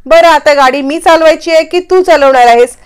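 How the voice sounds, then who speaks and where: A woman's voice: high voice, normal speed, voice pushed up, close to an everyday voice. A woman voicing a fiery, stubborn young woman in a quarrel, speaking in a defiant, scolding way.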